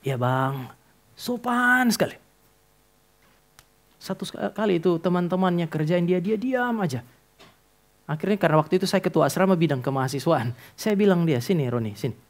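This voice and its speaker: High-voiced male pastor preaching. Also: a little fast, pauses often. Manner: addresses congregation directly, tells stories with acted dialogue. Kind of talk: sermon. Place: church.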